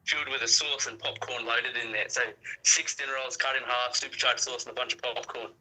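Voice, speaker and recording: A man's voice: mid-range voice, fairly even intonation, fairly quick, sharp tone, slightly rough. A young Australian man chatting casually and telling slangy anecdotes over an internet phone call. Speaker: caller. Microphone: WhatsApp phone call.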